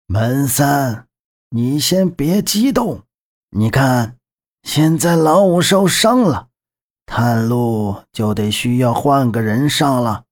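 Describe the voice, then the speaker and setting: A calm, scheming middle-aged boss speaks slowly and softly, coaxing his partner in an audiobook, as a male narrator puts him on. His tone stays measured and persuasive. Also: medium pitch.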